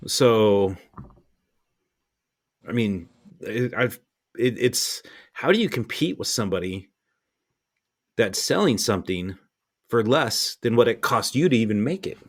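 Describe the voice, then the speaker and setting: A man's voice: on the low side, expressive, a little slow, pauses often. A man in casual, opinionated conversation, ranting bluntly with exasperation and some swearing.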